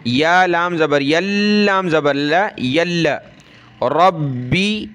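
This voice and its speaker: Slow, clear-voiced man teaching recitation. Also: on the high side, a bit bright. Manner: spells out letters and vowel marks, then chants each word slowly. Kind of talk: spelling-out recitation lesson.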